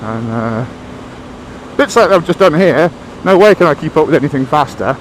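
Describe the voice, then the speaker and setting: Biker rambling into his helmet mic, slightly high voice, faint road noise. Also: expressive, normal speed, poor audio. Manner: waffly, self-deprecating, many fillers. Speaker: motorcycle vlogger. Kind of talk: casual rambling chat. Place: riding a motorbike outdoors.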